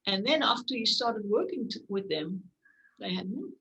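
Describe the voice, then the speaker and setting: A woman recounts a story in an interview, at a middle pitch. She pauses with "um" and "uh", stops and restarts sentences, and slips into lively bits where she acts out her own past lines. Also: gravelly, low-quality recording. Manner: many fillers and restarts. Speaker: medical clown.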